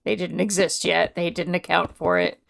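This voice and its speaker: A woman's voice: fairly low pitch, very animated, moderate pace, vocal fry, a little hiss or hum. A woman streamer chatting casually with her viewers, reading out and answering chat messages. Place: home.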